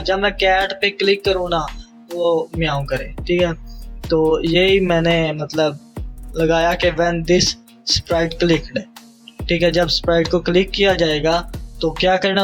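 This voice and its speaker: A young man with a Pakistani Urdu accent leads a screen-recorded coding lesson. His voice sits fairly high and he goes step by step, dropping in English technical terms and stopping to check understanding. Faint music plays under the narration. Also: a bit bright. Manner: explanatory, repeats "theek hai?" to check understanding, mixes English coding terms. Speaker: programming teacher.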